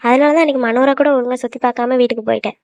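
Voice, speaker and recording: A woman voicing a quick, shy young sweetheart. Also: high-pitched, fairly even intonation, no room sound. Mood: hurt. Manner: gentle and reassuring. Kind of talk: cartoon voice acting. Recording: dull lo-fi, dry.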